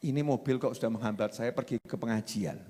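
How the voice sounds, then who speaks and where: A man with a Javanese accent preaching a sermon, swinging from soft asides to loud, animated passages and acting out quotes. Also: medium pitch, brisk, husky, in a large hall.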